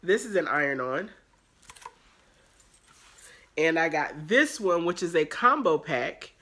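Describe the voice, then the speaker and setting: A woman's voice: deep voice, animated, slow pace, a bit bright. A woman talking through a casual, rambling shopping haul vlog, stuffed up with allergies and sounding nasal. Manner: rambling, filler-heavy talk. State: congested with allergies. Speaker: haul vlogger.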